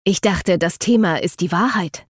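A woman voicing a furious young woman who feels betrayed, shouting accusations bitterly. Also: lowish voice, normal speed, husky, no room sound, studio quality. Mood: cutting.

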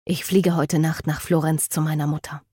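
A woman reading the lines of a hesitant, evasive teenage boy in an audiobook, halting and stammering. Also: sits low, little pitch movement, warm tone, slightly rough, no echo, studio quality. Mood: subdued.

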